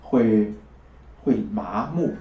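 A man's voice: fairly low pitch, extremely slow. A man teaching a traditional Chinese medicine class, explaining step by step and often checking that his listeners agree. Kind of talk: classroom lecture. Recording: distant roomy lo-fi lecture recording.

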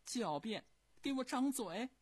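A man's voice: very high voice, lively intonation, measured pace, breathy edge, no echo, pitched above the performer's own voice, heavily acted. Man doing a teasing old empress. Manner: imperious, teasing. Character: aging imperious empress, teasing yet fearful.

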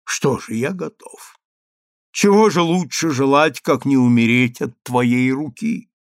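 A man's voice: medium pitch, measured pace, no echo, studio quality, natural voice. A man reading an audiobook, voicing a passionate scheming vizier who pleads in a theatrical, ardent way. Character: passionate scheming middle-aged male vizier.

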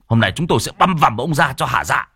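A man voicing an angry villager in a mob, spitting fast curses. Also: medium pitch, very animated, bright, forceful tone, husky, dry recording, clean studio sound, voice pushed up, heavily acted. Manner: fast, cursing, hot-tempered.

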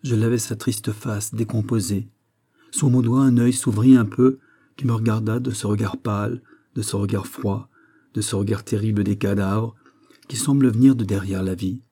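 A man narrating a classic story as an audiobook, in a measured, grave literary reading. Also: lowish voice, fairly even intonation, dark tone. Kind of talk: scripted narration.

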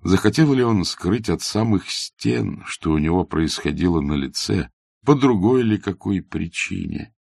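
A man narrating a classic novel as an audiobook in a measured, even reading. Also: low-pitched, vocal fry, dry recording, studio quality. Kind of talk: scripted literary narration.

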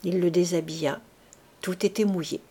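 A woman's voice: on the low side, steady tone, warm tone, slightly rough. Woman narrating a classic novel. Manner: measured, dramatic reading. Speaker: audiobook reader. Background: music.

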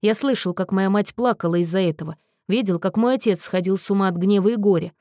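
Soft measured young man, earnest and reproachful, a woman reading him, dry sound. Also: mid-range voice, no room sound, close to an everyday voice. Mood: firm, reproachful. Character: gentle, earnest young man, quietly firm.

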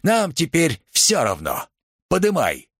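A man voicing a frantic petty male clerk who squeaks with desperate bravado. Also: huge pitch swings, takes it slowly, breathy edge, no echo, studio quality, heavily acted. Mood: reckless.

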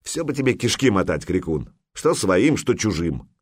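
A man's voice: low voice, big pitch swings, normal speed, breathy edge, no room sound, clean studio sound, heavily acted. A male narrator voicing a wary Viking warrior who teases yet speaks almost conciliatorily. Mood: mocking. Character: wary Viking warrior, placating but mocking.

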